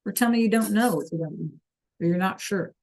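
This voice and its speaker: A woman's voice: medium pitch, a little fast, a little mellow. A woman teaching a Spanish lesson online, patiently checking in with her students and praising answers from the chat.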